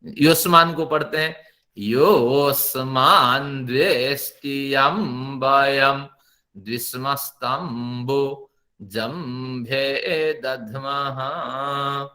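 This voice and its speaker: Middle-aged male recitation teacher, bright, fairly high voice, patient step-by-step explaining with chanted demonstrations. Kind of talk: spoken Sanskrit pronunciation lesson.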